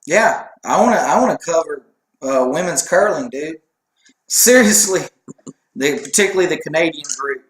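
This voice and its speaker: A man's voice: a little high, animated, normal speed. A man co-hosting a casual sports chat show, rambling and joking at his own expense. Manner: rambling, joking, self-deprecating. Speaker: co-host. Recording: echoey room.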